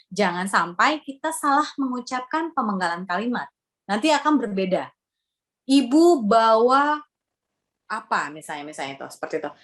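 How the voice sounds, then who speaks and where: An Indonesian woman giving a community workshop lecture on presentation skills, explaining step by step with frequent "ya" and "nah" tags. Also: mid-range voice.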